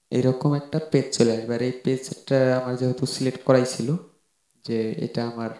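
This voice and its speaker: This tech tutorial host has a mellow, mid-range voice. He explains things step by step in a casual how-to, frequently going over the same points again, and the voice-over sounds roomy and echoey.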